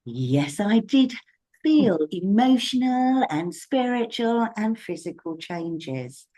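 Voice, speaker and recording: A woman in her sixties, an abdominal therapist and educator, telling her story in a conversational interview with expressive swings in pitch. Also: slow.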